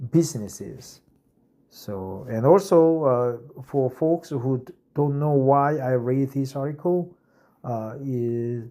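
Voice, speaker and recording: A mellow, medium-pitched voice belongs to a South Korean man in his fifties who speaks English as a second language with a Korean accent. Practicing his English, he reads an article aloud and explains it, often saying "uh" and tacking "right?" onto his sentences.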